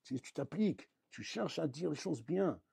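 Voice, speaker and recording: A man, a rabbi, giving a lively Torah lesson, acting out little dialogues and swinging between loud outbursts and quiet asides. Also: a little high, moderate pace, vocal fry, slightly rough, no room sound. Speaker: rabbi teaching a Torah class.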